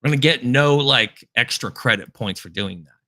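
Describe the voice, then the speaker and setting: A man's voice: mid-range voice, moderate pace, bright, forceful tone. A man giving an informal Bible teaching, telling personal stories in a conversational way with frequent restarts. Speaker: preacher.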